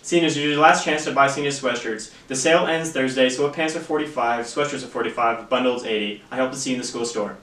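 A man's voice: medium pitch, fast, hardly any pauses, a bit bright. A teenage young man co-anchoring school announcements, reading the news items from a script. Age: teens. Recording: echoey room, distant mic.

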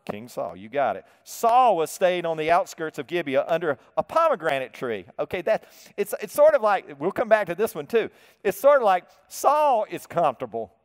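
A male pastor delivers a sermon in a folksy, animated way, tossing questions to the congregation and chuckling at his own asides. His voice sits high and comes through smooth and resonant. The sound carries the long reverb of a church sanctuary. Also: normal speed.

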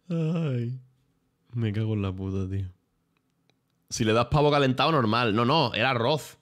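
A man's voice: medium pitch, takes it slowly, pauses often. Slangy young man telling stories. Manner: animated storytelling with lots of slang and swearing. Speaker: streamer. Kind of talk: casual chat.

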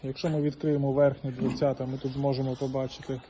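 A man's voice: mid-range voice, little pitch movement, quick pace, noisy background. A man giving an informal product walkthrough, addressing viewers directly, with frequent hesitations. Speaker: salesman presenting a boiler.

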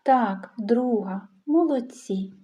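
A kindergarten teacher gives young children a patient phonics lesson, prompting them and praising their efforts. Her voice is on the high side, warm and husky, and she speaks slowly. The audio sounds dull.

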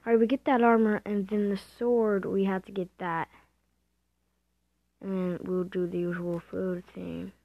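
A woman giving casual gameplay commentary, excitable and self-mocking, thinking aloud as she plays. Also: mid-range voice, unhurried, gravelly, no echo. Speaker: gamer. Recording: dull lo-fi dry home recording.

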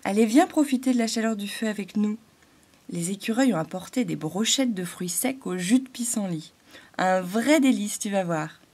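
A woman's voice: mid-range voice, lively intonation, normal speed, darkish tone, breathy edge. A woman voicing a cheerful, playful male butterfly in a fairy-tale audiobook. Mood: eager. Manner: bubbly, enthusiastic.

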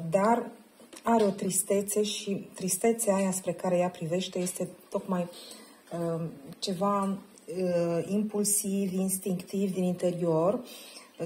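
A woman leads a participant through a tarot reading in a gentle, probing way, often pausing to check that she is understood. Her voice sits fairly low and sounds warm and mellow. Faint ambient sound hums in the background. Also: a little hiss or hum. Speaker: tarot reader guiding a participant. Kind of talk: guided tarot card reading. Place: group session at a camp.

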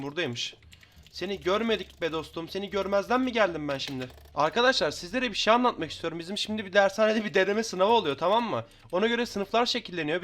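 A teenage boy giving excitable gameplay commentary, chatting to viewers, swearing and shouting at opponents. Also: high-pitched. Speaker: gaming YouTuber.

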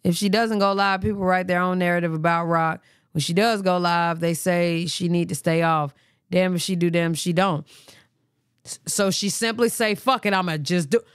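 A woman's voice: fairly low pitch, steady tone, normal speed, smooth, no room sound, clean studio sound. A woman hosting a live reaction stream in blunt, profane casual talk. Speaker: livestream host.

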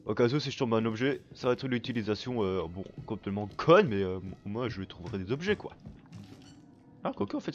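Foul-mouthed excitable man gaming. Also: mid-range voice, dull audio. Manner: crude, swears constantly, excitable outbursts. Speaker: let's play gamer. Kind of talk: casual gameplay commentary.

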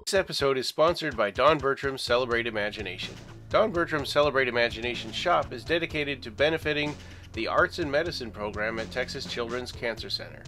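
A man's voice: medium pitch, brisk, music in the background. A man reading a scripted podcast intro and sponsor message. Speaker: podcast announcer.

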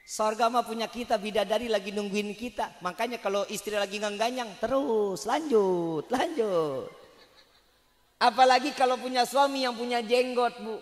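A man's voice: sits high, moderate pace. A man preaching at a wedding celebration, teasing the audience with slangy jokes in a humorous sermon. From West Java, Indonesia. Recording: hall-like reverb at a live event.

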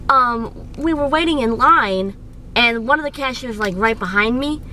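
A woman's voice: a little high, animated, normal speed, pushed and bright, a little hiss or hum, rough recording. A young woman rambling goofily and self-deprecatingly in a casual vlog, filmed on a handheld camera at work and at home. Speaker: vlogger. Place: workplace and home.

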